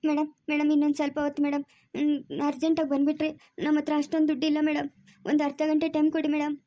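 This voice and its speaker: A woman's voice: high-pitched, monotone, racing, dark tone, natural voice. A woman playing a pleading young village wife. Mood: begging. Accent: rural Karnataka Kannada. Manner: pleading, tearful.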